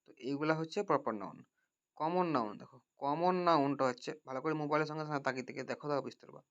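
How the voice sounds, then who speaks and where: Man tutoring grammar with many checking questions, slightly high voice. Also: very fast, a bit bright, clear, resonant tone. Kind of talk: grammar lesson. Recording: dull lo-fi recording.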